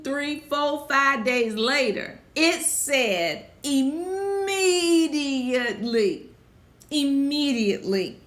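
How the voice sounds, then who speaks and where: A woman preaches in a high voice with a slow, deliberate pace, stretching key words for emphasis. She calls out and answers her own questions with fervent energy. The room around her rings with echo. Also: a bit bright. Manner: fervent call-and-response preaching, rising to high exclamations; drawn-out emphatic phrasing. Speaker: preacher and health speaker. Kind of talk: preaching sermon mixed with health talk. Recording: echoey room.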